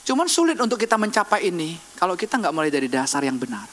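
A man preaching a sermon in a lively, conversational way, teasing the congregation with questions. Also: high-pitched, quick pace. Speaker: pastor. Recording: long hall reverb.

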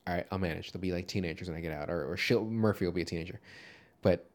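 A man's voice: sits low, rapid-fire, darkish tone. A man co-hosting a casual movie podcast, talking in a rambling, jokey way with lots of swearing. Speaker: podcast co-host.

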